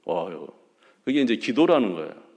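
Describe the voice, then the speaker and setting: A male pastor preaching a sermon in a church sanctuary, acting out quoted dialogue dramatically with sudden rises in pitch and loudness. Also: sing-song, moderate pace. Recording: long church hall reverb.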